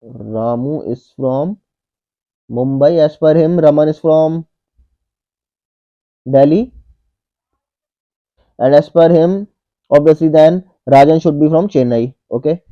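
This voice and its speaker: Male tutor, 30s, slightly high voice, methodical step-by-step walkthrough, dull lo-fi webcam audio. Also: slow, long pauses. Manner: methodical, repeats each step and says "okay" often. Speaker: online tutor. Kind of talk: whiteboard puzzle walkthrough.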